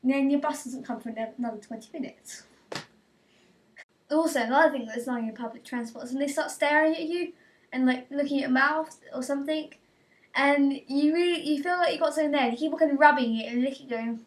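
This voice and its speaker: A woman's voice: high voice, quick pace, far from the mic. A teenage girl doing a casual comic rant, acting out little scenes with quoted lines and giggles. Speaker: vlogger.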